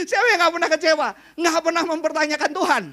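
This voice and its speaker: High-voiced pastor. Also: male voice, normal speed. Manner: conversational, quizzes the audience, swings between hushed and loud. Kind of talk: sermon.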